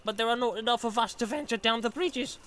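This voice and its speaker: A man voicing a wary, greedy male orc grunt with a shrill, questioning manner. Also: fast talker, fairly bright tone, slight background noise. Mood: wheedling.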